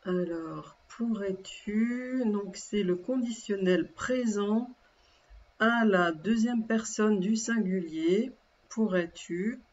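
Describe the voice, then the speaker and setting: Very slow, deliberate woman dictating. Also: mid-range voice, darkish tone, muffled recording, a little hiss or hum. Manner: slow and deliberate, repeating and spelling words aloud. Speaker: teacher. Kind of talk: dictation lesson.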